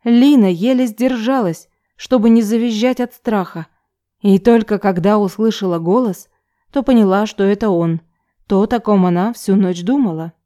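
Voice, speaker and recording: A woman narrates a story aloud with a mellow, warm tone. Her reading is calm and steady, measured as a scripted audiobook. Her voice sits at an ordinary middle pitch. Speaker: audiobook reader.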